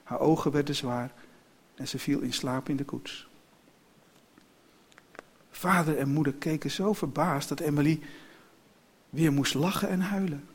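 A man reading a children's story aloud in an expressive storytelling manner. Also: on the high side, unhurried, pauses often, breathy edge.

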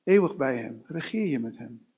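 A man's voice: medium pitch, expressive, dark tone, husky. A man preaching a sermon, working through long runs of short rhetorical questions. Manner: slow, with repeated rhetorical questions.

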